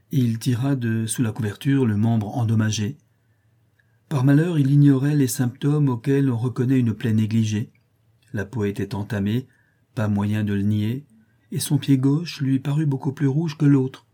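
Husky, dark-toned male storyteller. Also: medium pitch. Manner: measured storytelling. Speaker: audiobook narrator. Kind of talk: scripted narration.

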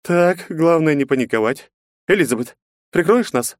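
A man voicing a brisk, caring young heroine who speaks in quick exclamations, in a storybook reading. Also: a little high, animated, no room sound, studio quality, pitched above the performer's own voice, lightly acted.

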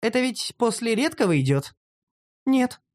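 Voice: mid-range voice, big pitch swings, moderate pace, darkish tone, pitched above the performer's own voice, lightly acted. A narrator voicing a timid, earnest young female gnome who explains things carefully. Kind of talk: audiobook character voice.

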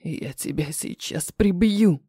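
A furious young man speaks low and hushed through his teeth, each threat held back rather than shouted, as a woman narrator puts him on. The voice sits lower than the reader's own, with a dark, mellow tone. It is dry and close, an audiobook character. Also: slow, husky, dry recording. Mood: menacing.

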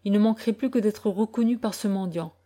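A woman voicing an anxious, sharp-tongued middle-aged mother who talks in an urgent, scolding way. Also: medium pitch, brisk, natural voice.

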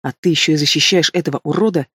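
A man's voice: a little high, racing, fairly bright tone, breathy edge, dry recording, studio quality. A man voicing a bitter young henchman who speaks coldly and with contempt, in an audiobook reading. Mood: cold scorn. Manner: cold, contemptuous. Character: bitter young male henchman, cold and scornful.

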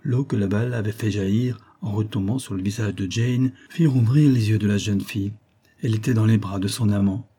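A man narrating a novel as an audiobook in a measured, dramatic reading. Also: lowish voice, dark tone, breathy edge. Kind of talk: scripted narration.

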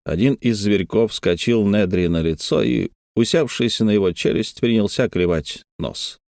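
A man reading an adventure novel aloud as an audiobook narrator, steady and measured. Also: lowish voice, gravelly, no echo, clean studio sound. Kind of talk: scripted narration.

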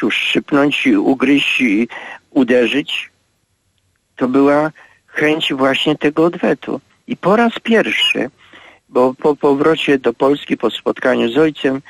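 A priest in his eighties giving a radio interview, speaking slowly and reflectively with halting pauses. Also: medium pitch, creaky, no room sound, poor audio. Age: 80s. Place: radio studio.

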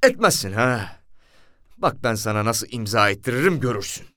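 A man acting police commissioner, stern, commanding, shouting, lively pitch. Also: fairly quick, clean tone, no echo, studio quality, lightly acted. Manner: barking orders, shouting. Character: stern loud male police commissioner, older, authoritative.

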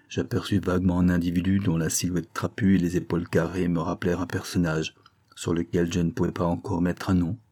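Low, husky male audiobook narrator. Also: mellow. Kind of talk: scripted narration.

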